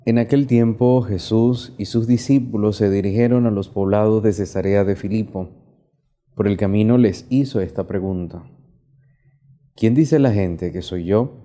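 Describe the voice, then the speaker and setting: A man in his thirties, a priest, reading the gospel and preaching a homily in a measured, teaching way with repeated questions to the congregation. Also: lowish voice, mellow. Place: small indoor chapel.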